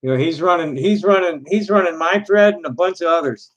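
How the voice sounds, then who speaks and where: A man with a slightly high-pitched voice hosts a loose online discussion. He talks in a casual, rambling way, blunt and sweary, often halting as he searches for words. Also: a bit bright, muffled recording.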